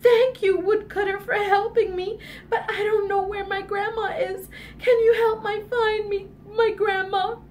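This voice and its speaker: Woman playing an innocent little storybook girl, very high voice, slow wide-eyed wonder, easily frightened. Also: sing-song, full character voice. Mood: shaken, tearful.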